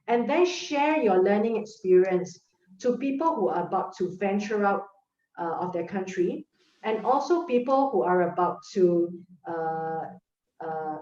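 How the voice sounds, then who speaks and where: A woman's voice: mid-range voice, dark tone. A woman hosting an interview over a video call, talking earnestly and at length to encourage her guest. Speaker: host. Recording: roomy, distant, dull video-call audio.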